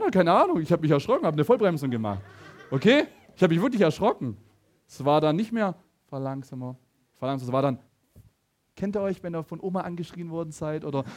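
A man preaching a sermon, telling a personal story with animated stammering restarts and talking straight to his listeners. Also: high voice. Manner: animated, stammering restarts, addresses the audience directly.

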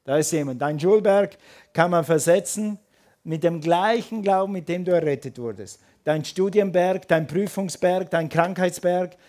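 A man preaching to a congregation, his voice sitting on the higher side for a man. He hammers his points through repeated phrases and asks rhetorical questions in an emphatic, rising cadence. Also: normal speed, a little mellow. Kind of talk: sermon.

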